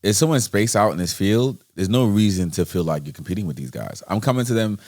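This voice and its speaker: Man, New York accent, lowish voice, laid-back podcast talk, dry close recording. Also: animated, fast talker, a little mellow, no echo. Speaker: podcast co-host. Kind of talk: casual chat.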